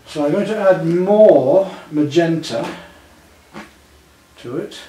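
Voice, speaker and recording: A mellow, somewhat high-voiced man in his sixties speaks slowly as he teaches a student to paint, patiently reassuring them through each step. This indoor demonstration takes place in his living room. Recorded by a camera several feet away, the sound is roomy and distant, with noise in the background.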